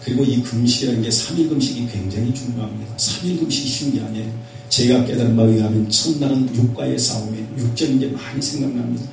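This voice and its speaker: A middle-aged man preaching a fervent revival sermon as a pastor, moving between loud exhortation and quiet personal testimony. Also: medium pitch, fast talker, creaky. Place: prayer retreat hall. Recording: echoey hall from far off, faint hum.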